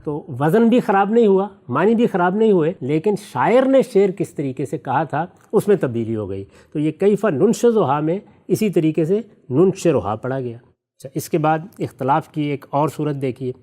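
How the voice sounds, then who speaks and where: Lively-voiced male scholar explaining methodically. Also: a little high. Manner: measured, methodical teaching with worked examples; recites scripture verses slowly and deliberately. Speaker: religious scholar. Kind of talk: explanatory discussion answering questions.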